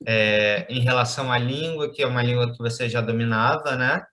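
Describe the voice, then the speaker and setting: Bright-voiced man asking questions. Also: medium pitch, brisk. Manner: curious, short follow-up questions. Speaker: interviewer. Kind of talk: conversational interview.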